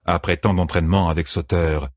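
A man reading a fantasy novel aloud in a steady, measured narration. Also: low-pitched, dry recording, studio quality. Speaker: audiobook narrator.

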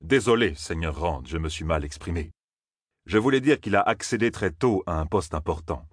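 A flattering, calculating captain, read by a male narrator who probes with courteous words. The voice is very deep and husky, and the recording is dry and close. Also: normal speed, dry recording. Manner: smooth, courteous and probing.

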